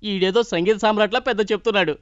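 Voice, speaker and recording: A mocking young prankster, as an actor plays him, rattling off teasing gossip about his friends in a very high voice at breakneck speed. It comes through dull, lo-fi film audio. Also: fairly even intonation, racing, no echo, close to an everyday voice. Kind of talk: film comedy scene.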